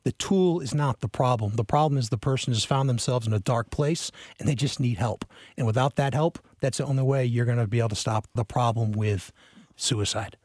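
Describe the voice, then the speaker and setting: A man's voice: medium pitch, brisk, darkish tone, no room sound, clean studio sound. Plainspoken man in his forties. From Massachusetts. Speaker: state representative, guest. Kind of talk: radio panel interview.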